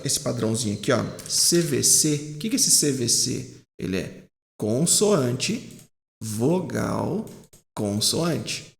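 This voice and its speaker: A man's voice: medium pitch, gravelly, roomy sound. A Brazilian man teaching English grammar step by step, stretching out the English example words and checking in often with "né?" and "certo?". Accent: Brazilian Portuguese. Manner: says English example words slowly and drawn out. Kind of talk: classroom-style explanation.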